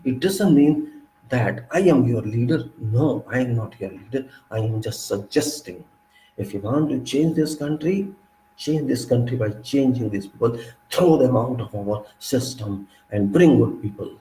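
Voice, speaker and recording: A man, delivering a forceful political monologue in a lecturing, repetitive way with sudden loud rises. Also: mid-range voice, expressive, unhurried. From India. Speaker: political commentator. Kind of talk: monologue speech. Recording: echoey room with faint ambience.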